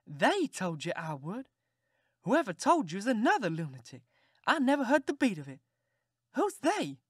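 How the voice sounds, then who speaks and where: A woman voicing Aunt Sally, a fussy, sharp-tongued Southern farm aunt who scolds and exclaims. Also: mid-range voice, big pitch swings, normal speed, dry recording, studio quality. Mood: scolding.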